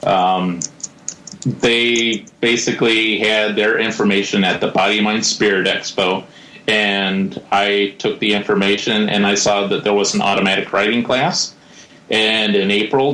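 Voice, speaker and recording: A man's voice: on the low side, fairly even intonation, unhurried, bright, forceful tone. A man speaking as a radio show guest, telling his own story casually. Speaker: guest, paranormal investigator. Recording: roomy echo on the voice.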